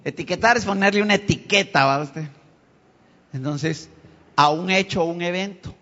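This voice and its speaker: A man's voice: high-pitched, moderate pace, pushed and bright. A man preaching a sermon as pastor, calling his listeners brothers and sisters and rising to emphatic peaks. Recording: dull lo-fi live stream with long hall reverb.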